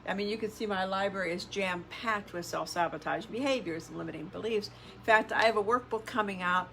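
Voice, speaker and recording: A woman's voice: mid-range voice, a bit bright. A middle-aged woman with a mid-range voice talks like a self-help influencer, casually but with conviction. She leans on repeated phrases and rhetorical questions to drive points home. Faint background noise sits under her voice. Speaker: self-help podcast host and coach. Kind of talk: motivational self-help influencer talk to camera.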